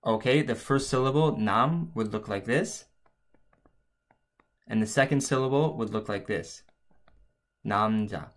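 A man's voice: medium pitch, moderate pace, pauses often. A man narrating an instructional language lesson as a teacher, explaining things step by step.

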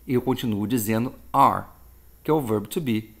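A man from Brazil teaching an English grammar lesson, lively and explanatory, slowing down to model example phrases. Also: medium pitch.

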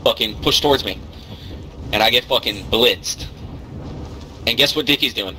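A man's voice: mid-range voice, moderate pace, pushed and bright, low-quality recording. A man in casual, profane squad chat during a game, with a teasing storytelling manner. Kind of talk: casual profane gaming banter.

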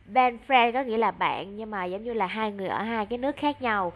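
A woman with a Vietnamese accent tutoring a child in English online, encouraging and slowing down to model English words clearly. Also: medium pitch, lo-fi sound.

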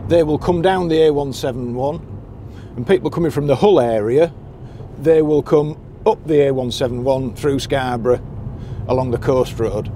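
A man's voice: mid-range voice, normal speed, dark tone. A man in a moving car giving practical, chatty directions to anglers as he drives. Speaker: boat skipper's guide to anglers. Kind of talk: casual driving commentary. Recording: car and road noise behind.

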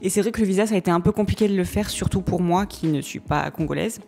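A young woman co-hosts a couple's channel, chatting casually and colloquially with her partner. Her fairly low voice is fast, gravelly and warm, and faint music plays behind her.

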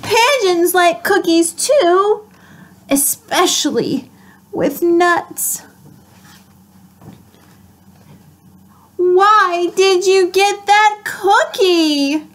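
A woman's voice: very high voice, extremely slow, voice pushed up, full character voice. A woman voicing a dramatic, whiny pigeon in a storybook, complaining and wailing. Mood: pleading. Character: whiny, dramatic pigeon who always asks.

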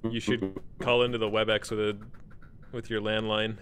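A man's voice: lowish voice, little pitch movement, normal speed, over music. A man hosting a game stream, talking casually and laughing often into a desk mic on an arm. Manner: easygoing, chatty, laughs often. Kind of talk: casual gaming chat.

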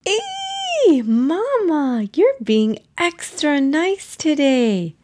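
A woman doing a playful little girl, high-pitched. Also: wildly swooping pitch, extremely slow, darkish tone, heavily acted. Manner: playful, giggly, squealing.

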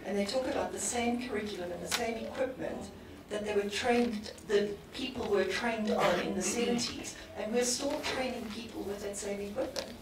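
A woman with a South African English accent speaking directly and briskly on a conference panel. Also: medium pitch. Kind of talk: panel discussion. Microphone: handheld mic. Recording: very echoey hall, distant, background noise.

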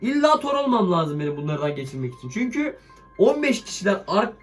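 Sick young man excitedly playing a game. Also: sits high, brisk, faint music behind. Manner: excitable, swears playfully at the game. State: sick, voice strained. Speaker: mobile game YouTuber. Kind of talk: casual gameplay commentary.

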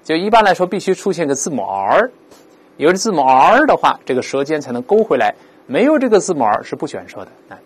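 A man teaching an English vocabulary lesson, explaining words with rhetorical questions and slowly repeating them aloud for pronunciation practice. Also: a little high, sing-song, breathy edge.

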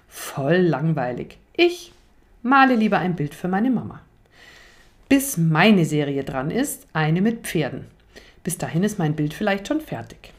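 A woman reading her own children's book aloud, speaking straight to young listeners. Her voice sits fairly low, with a gentle storytelling lilt.

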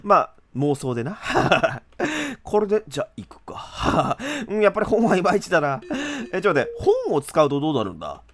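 A man giving animated let's-play commentary in rough, casual speech, often laughing. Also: fairly high pitch, fairly quick, few pauses. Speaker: game streamer.

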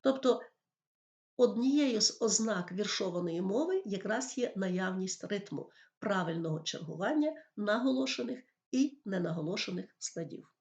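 A woman's voice: medium pitch, expressive, normal speed, darkish tone, muffled recording. A woman teacher giving a school lesson on poetry, explaining patiently and reading verse lines aloud. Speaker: literature teacher.

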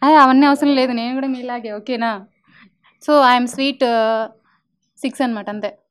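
A high-pitched young woman works as an anchor, chatting with children in a light, teasing way. She talks a lot and keeps asking them questions. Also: steady tone, normal speed, smooth. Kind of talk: playful interview with children.

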